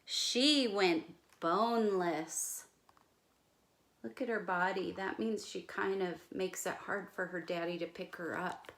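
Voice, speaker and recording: A low-voiced woman with vocal fry reads slowly from a picture book to young children, teacher-style. She narrates carefully and expressively, explaining things along the way and gently questioning her listeners.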